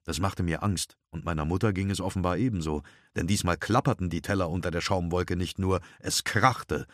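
A man giving calm, measured first-person audiobook narration. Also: sits low, no room sound, studio quality.

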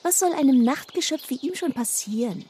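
A teasing young elf girl who likes to spook her friend, her voice raised and full of swing, as a woman narrator puts her on. She leans into secretive, knowing tones like a storybook gossip. Soft music plays faintly. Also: sits high, animated, fairly quick, a little hiss or hum, pitched above the performer's own voice. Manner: teasing, secretive, hushed at times.

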